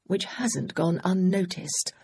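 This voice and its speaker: A woman reading an audiobook, voicing a suspicious woman amateur sleuth who speaks crisply and curtly. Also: on the low side, moderate pace, a little mellow, full character voice. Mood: sharp. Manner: crisp, wary and curt.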